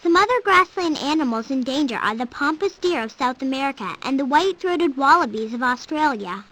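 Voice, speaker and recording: A woman's voice: sits high, lively intonation, a little fast, a bit bright, rough recording. A woman reading scripted nature documentary narration for an educational program.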